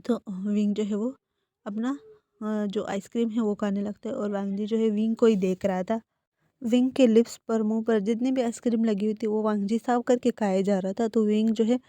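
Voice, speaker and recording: A woman's voice: medium pitch, warm tone, dry recording. A woman casually retelling a fan fiction story in a plain, conversational way.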